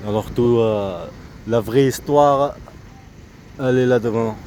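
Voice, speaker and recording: This man's voice sits at a medium pitch with a somewhat dark tone, and he speaks slowly. His talk is a drifting, improvised ramble full of repeated fragments, recorded on a noisy street near a road with vehicles and traffic sounds.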